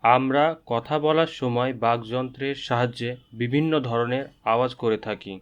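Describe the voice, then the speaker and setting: A man teaching an English lesson, repeating words slowly and spelling them out letter by letter. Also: medium pitch, steady tone, smooth, highs cut off. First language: Bengali. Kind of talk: slow, drilled English lesson with repetition.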